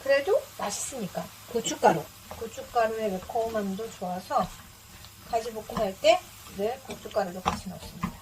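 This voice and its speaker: A woman's voice: on the high side, normal speed. A woman casually talking through her home cooking as she works, with an easygoing, explaining manner. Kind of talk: casual cooking narration while cooking. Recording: noisy kitchen with chopping and clicks.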